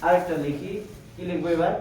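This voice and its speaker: A man's voice: on the high side, fairly even intonation, a little fast, mellow, a little hiss or hum. A man with a Bangladeshi Bengali accent teaching a Quran class, quizzing students and chanting letter sounds in a sing-song. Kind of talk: call-and-response classroom lesson. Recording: echoey room, far from mic, class audible.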